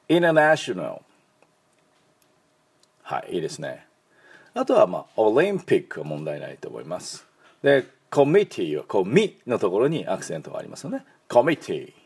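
Male English school principal, low husky gravelly voice, lively pitch, patient drill-style teaching. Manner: many fillers, repeats words for learners to copy. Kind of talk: English pronunciation lesson.

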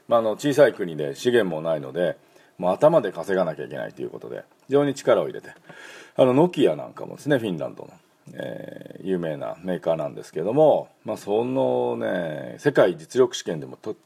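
Gravelly low-voiced man teaching pronunciation. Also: very animated, fairly quick, dark tone. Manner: many fillers, repeats words for learners to copy. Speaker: English school principal and teacher. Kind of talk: English pronunciation lesson.

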